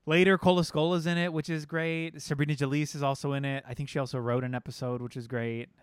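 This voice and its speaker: A man co-hosts a podcast, chatting casually and rambling with loads of fillers and swearing. His voice is on the high side with a level tone and quick pace, recorded clean in a studio with no echo.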